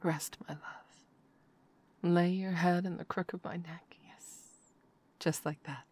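In this intimate audio roleplay, a woman with a high, very animated voice portrays a noblewoman lover, tender yet possessive. Her whispers are soft and slow, punctuated by quiet laughs.

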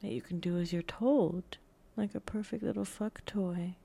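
A woman whispering a teasing, dominant audio roleplay in a breathy voice, with soft chuckles between phrases. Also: medium pitch, fairly even intonation, normal speed.

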